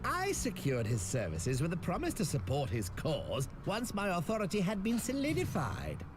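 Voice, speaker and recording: A man's voice: high-pitched, huge pitch swings, normal speed, background noise. A man playing a smug, scheming merchant magnate in a video game, with a pompous, oily grand-vizier delivery and archaic, formal phrasing. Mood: haughty, gloating. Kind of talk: scripted game dialogue, archaic formal diction. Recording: music behind the voice.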